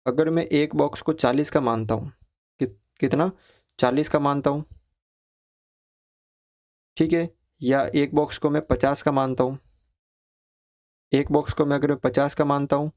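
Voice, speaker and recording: A man teaching a maths lesson, explaining each step slowly, counting values aloud and checking in with his students. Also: a little high, fairly even intonation, darkish tone. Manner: asks students questions, repeats phrases like ठीक है.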